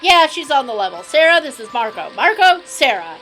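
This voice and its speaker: A steady, no-nonsense FBI agent, read by a woman streamer. She talks in a high voice with a lively pitch. Faint music plays behind her. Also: fairly quick, exaggerated voice, low-quality recording. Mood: matter-of-fact. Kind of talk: voicing game dialogue on a live stream.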